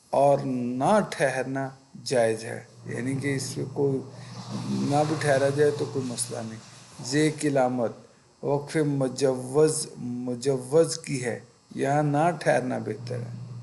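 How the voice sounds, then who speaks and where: Male Quran teacher, patient and deliberate, with a gravelly rasp and faint noise behind him. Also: medium pitch, darkish tone, low-quality recording. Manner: patient, deliberate, searching for words mid-sentence. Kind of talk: religious lesson, explaining step by step.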